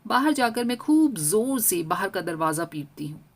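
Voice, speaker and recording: Woman narrator, mid-pitched, expressive first-person storytelling in a young girl's voice. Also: normal speed.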